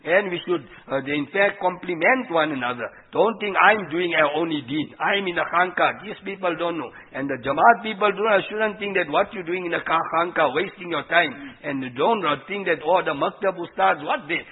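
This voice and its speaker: Husky man preaching, dull recording. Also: sits high, brisk, hardly any pauses. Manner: earnest, didactic, asking rhetorical questions. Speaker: Islamic preacher. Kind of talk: informal religious sermon, explaining and translating quotations. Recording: dull, lo-fi radio-like sound.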